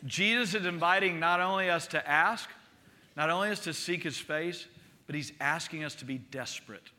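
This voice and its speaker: A middle-aged man preaching a sermon, telling a lively story and building to urgent exhortation. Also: fairly high pitch, normal speed. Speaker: pastor.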